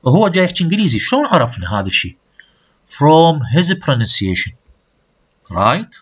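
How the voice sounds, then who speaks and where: A man's voice: a little high, big pitch swings, moderate pace, slightly rough. Man, language lecturer, explanatory classroom delivery, muffled lo-fi sound. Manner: explains with examples, switches between languages. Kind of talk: classroom lecture mixing Arabic and English.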